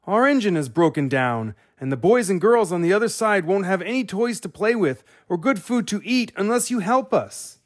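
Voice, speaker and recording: Small toy clown for a storybook, played by a man: raised pitch, eager, hopeful, calling out. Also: expressive, normal speed, few pauses, no echo, clean studio sound. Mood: pleading. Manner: crying out, eager, pleading.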